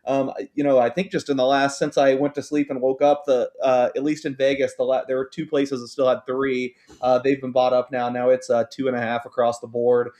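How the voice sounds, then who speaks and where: A man's voice: medium pitch, little pitch movement, fairly quick, few pauses, a little mellow. Hesitant male sports betting analyst. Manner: hesitant, many ums and repeated words. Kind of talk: casual sports talk.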